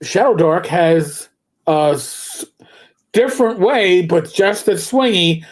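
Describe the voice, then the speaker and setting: On a livestream, this co-host has a high, animated voice as he talks casually about tabletop games. He spins meandering stories, stretching out words slowly for emphasis.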